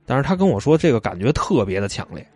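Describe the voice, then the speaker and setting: Guy chatting through a story, mid pitch, dead dry sound, soft music behind. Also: very animated, fast talker, breathy edge, no echo. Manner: chatty, retells stories with loose asides. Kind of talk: casual storytelling chat.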